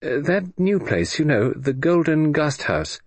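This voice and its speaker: A man's voice: on the high side, big pitch swings, unhurried, slightly rough, no echo, pitched above the performer's own voice, heavily acted. A man voicing a hesitant young companion woman. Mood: polite. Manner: polite, hesitant, with fillers.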